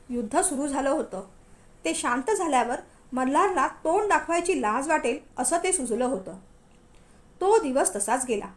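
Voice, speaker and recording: Storyteller: woman, high voice, lively expressive scripted narration.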